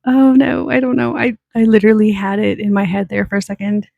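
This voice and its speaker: A woman's voice: mid-range voice, little pitch movement, fairly quick, creaky, no room sound, lo-fi sound. A young woman from Canada, rambling and self-deprecating as she chats through a planner walkthrough. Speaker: planner vlogger.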